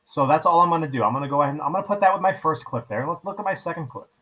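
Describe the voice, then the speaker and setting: A teacher races through an informal screen-recording software tutorial, explaining each step, repeating himself, and often checking in with "right?" His voice is a little high, with a sharp tone.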